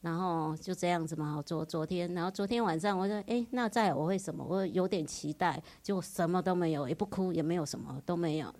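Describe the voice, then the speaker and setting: A woman in her forties with a Taiwanese Mandarin accent shares a personal religious testimony before a retreat group. Her voice sits slightly low for a woman, and she speaks earnestly and emotionally, sprinkling her story with frequent interjections. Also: fairly quick, hardly any pauses, darkish tone. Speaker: retreat participant giving testimony.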